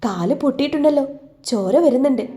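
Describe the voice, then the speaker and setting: Casting: a woman doing a gentle sensible young guy, patient and soothing, mellow tone. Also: sits high, expressive, fast. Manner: reasonable, soothing. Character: calm kind young man.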